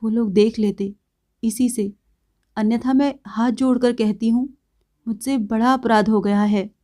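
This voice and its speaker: A woman's voice: a little high, animated, a little slow, mellow. A woman voicing a proud young woman with a raised, emphatic delivery in a read-aloud story. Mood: pleading. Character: proud young woman, teasing then pleading.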